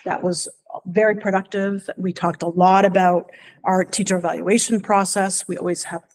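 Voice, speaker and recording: With a fairly low, darkish, steady voice, a woman reports to a board meeting as school superintendent. The setting is a library room, and her remarks come across as informal and a bit halting.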